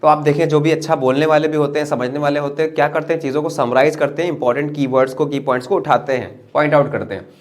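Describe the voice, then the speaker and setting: A man teaching an exam-prep English lesson in Hindi, reading English phrases aloud slowly and asking "right?" to check in. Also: fairly high pitch, steady tone. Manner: asks "right?" to check understanding.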